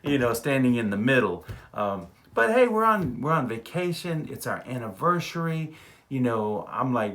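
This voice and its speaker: A man from Texas, an animated storyteller who chuckles often and repeats words in a casual vlog. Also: medium pitch. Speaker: vlogger.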